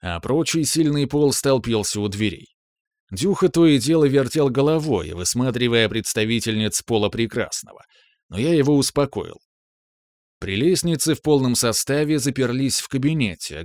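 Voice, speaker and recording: A man's voice: medium pitch, lively intonation, normal speed, no echo, clean studio sound. Wry male audiobook narrator. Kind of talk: first-person novel narration.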